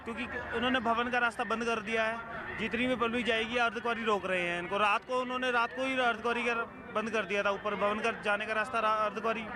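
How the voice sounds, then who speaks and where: High-voiced male pilgrim speaking outdoors. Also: steady tone, fast, crowd noise. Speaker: pilgrim interviewed. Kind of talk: street interview.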